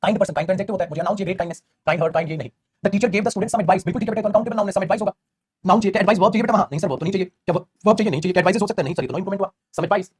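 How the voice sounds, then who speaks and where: A man teaching an English grammar class in rapid Hindi mixed with English, calling his students "beta" as he corrects their answers. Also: high-pitched, slightly rough. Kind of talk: online coaching lesson.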